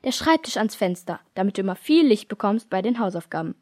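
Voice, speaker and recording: A woman's voice: medium pitch, animated, fast talker, darkish tone, dry recording, studio quality, natural voice. A woman voicing a fussy, bossy mother who keeps her daughter busy in a read-aloud children's story. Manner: bossy, overly caring.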